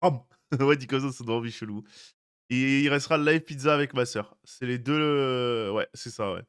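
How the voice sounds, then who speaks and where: A man's voice: mid-range voice, moderate pace, fairly bright tone, smooth. A young man streaming live, chatting casually with his viewers, greeting them by name and teasing them. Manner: chatty, greets chat by name, jokey asides.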